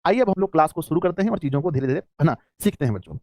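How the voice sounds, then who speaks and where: A man with a Hindi accent teaches an online class at a rapid clip. His voice sits a little high, and he fondly calls his listeners "children" as he quizzes them. The recording is close and dry. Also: lively intonation, mellow, no echo. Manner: affectionate, calls students "children", asks and answers his own questions.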